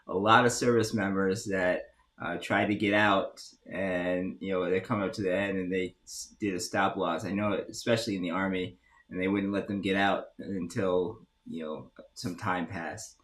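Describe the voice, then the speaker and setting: A man's voice: low voice, steady tone, normal speed, fairly bright tone. A man hosting an interview, asking friendly, curious questions. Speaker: host.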